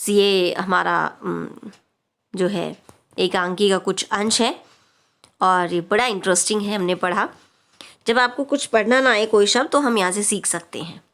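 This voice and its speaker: A woman teacher working through a worksheet in an explanatory classroom style. She talks patiently, with small pauses and fillers as she reads and explains each question. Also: mid-range voice, gravelly, a bit bright.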